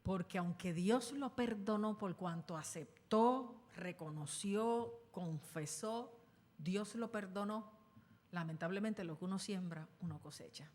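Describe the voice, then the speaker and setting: A woman's voice: mid-range voice, unhurried. Woman preaching in an echoing church. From Puerto Rico. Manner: dramatic preaching, acting out quoted voices with sudden loud bursts. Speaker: pastor. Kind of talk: sermon. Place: church sanctuary. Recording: long reverb in a church hall.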